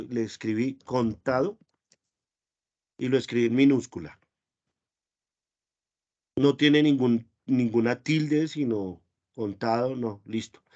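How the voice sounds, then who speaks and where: A man's voice: medium pitch, lo-fi sound. A man teaching a spreadsheet class online, patient and repetitive, often praising questions.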